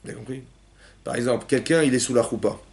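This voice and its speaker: A man teaching a lively class to young women, asking questions and acting out cries and quotes. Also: medium pitch, fast, vocal fry. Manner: animated, asks questions, acts out cries and quotes. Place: synagogue hall with young women students.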